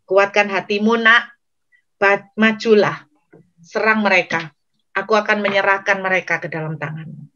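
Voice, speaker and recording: A woman voicing God, slow and commanding. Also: mid-range voice, fairly even intonation, sharp tone, lightly acted. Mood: encouraging. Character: God speaking gently and firmly to a man. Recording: dull lo-fi recording.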